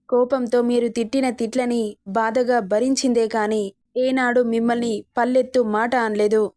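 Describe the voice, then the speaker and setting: A woman's voice: fairly high pitch, darkish tone, no room sound, studio quality, natural voice. A woman reading as a defiant young man. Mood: cold defiant. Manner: cold, defiant, blunt. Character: angry young man defending his mother.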